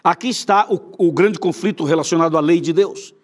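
A man's voice: on the high side, brisk. A man with a Brazilian Portuguese accent preaching a sermon as a pastor, emphatic and putting questions straight to the viewer.

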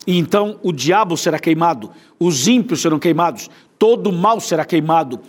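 A Brazilian man delivering a fervent sermon with a Brazilian Portuguese accent. His voice sits a little high for a man. He preaches in a rhythmic, repeating cadence. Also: lively intonation, a little fast.

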